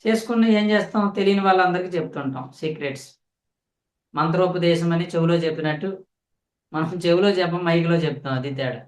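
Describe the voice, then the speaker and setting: A man leads a spiritual discourse as the teacher. His voice sits a little high, and he speaks straight to his listeners, repeating phrases to drive each point home. The recording carries a noticeable room echo. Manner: explains slowly with repetition; addresses listeners directly.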